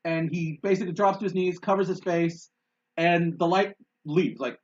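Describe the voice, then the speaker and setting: A man's voice: high-pitched, normal speed, muffled recording. A man co-hosting a podcast, telling a story in a loose, rambling way with frequent laughs. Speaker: podcast co-host. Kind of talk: casual chat.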